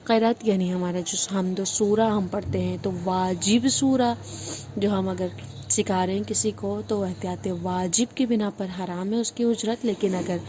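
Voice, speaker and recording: A woman teaching an online religious lesson in a clear explanatory way, often asking a question and then answering it herself. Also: mid-range voice. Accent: Indian Urdu. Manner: explanatory, asks and answers her own questions. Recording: dull lo-fi with faint noise.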